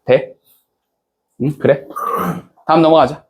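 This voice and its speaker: A man with a fairly high voice lectures a class in a relaxed, chatty way. He keeps firing questions at the students and checking that they follow. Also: unhurried, dull audio. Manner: casual banter-style speech to students. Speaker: English teacher.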